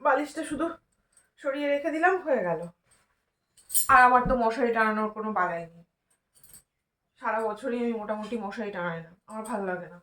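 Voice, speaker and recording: A woman's voice: on the high side, a little fast, pauses often, pushed and bright. A young woman vlogger with a regional West Bengal Bengali accent, talking casually to her viewers while doing chores at home. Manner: chatty, addresses viewers directly with asides. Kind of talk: casual daily-life vlog narration. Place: home, moving between rooms and rooftop.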